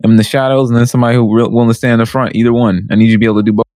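Fast-talking slangy man. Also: medium pitch, little pitch movement, darkish tone, no room sound, clean studio sound. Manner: fast slangy banter, repeats himself for emphasis. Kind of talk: casual chat.

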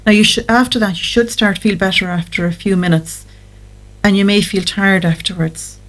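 A woman's voice: medium pitch, steady tone, normal speed, fairly bright tone, rough recording. A woman speaking as a guest therapist, giving explanatory advice in an interview. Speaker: guest anxiety therapist on a show.

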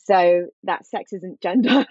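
A dry, slightly dull recording carries a woman's fairly low voice. She chats casually and with open enthusiasm, in a giggly manner. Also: slow pace, a little mellow, breathy edge, dry recording. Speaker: podcast guest and show host. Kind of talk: casual conversation.

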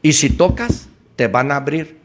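A man's voice: fairly high pitch, lively intonation, measured pace. A man giving a motivational talk, driving points home with emphatic, repeated exhortations. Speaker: motivational speaker.

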